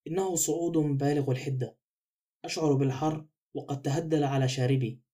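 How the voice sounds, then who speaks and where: A man reading the lines of a fussy, thoughtful middle-aged male detective in an audiobook, in a measured, reflective way. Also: a little high, steady tone, dark tone, natural voice. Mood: calm, probing.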